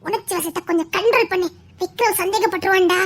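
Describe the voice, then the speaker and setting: An actress playing a teasing young woman relative, speaking with a Tirunelveli accent in a quick, playful way. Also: very high-pitched. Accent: Tirunelveli Tamil. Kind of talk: web series acting.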